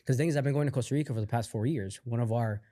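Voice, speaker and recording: A man guesting on a podcast, telling a personal story in a casual, animated way, acting out what others said, with lots of fillers. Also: mid-range voice, very fast, no room sound. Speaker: podcast guest, company founder.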